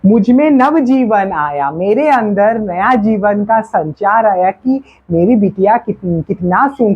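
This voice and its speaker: A woman teacher slowly explaining poetry lines to students, repeating words and their meanings. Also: a little high, breathy edge. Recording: dull lo-fi classroom recording.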